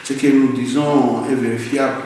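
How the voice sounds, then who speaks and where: A man's voice: mid-range voice, steady tone, normal speed, a little mellow. A man from Congo, answering interview questions earnestly and emphatically, often repeating words as he searches for them. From Congo (DRC). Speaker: guest. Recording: echoey roomy hall from a distance, faint noise.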